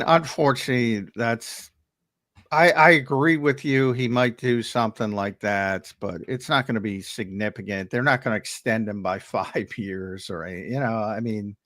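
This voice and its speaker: A man with a lowish, slightly bright voice speaks as a guest analyst on a sports show, connected by remote call, though the audio is studio quality with no echo. The sports talk is casual, and he hesitates a lot, using many fillers and restarting his sentences.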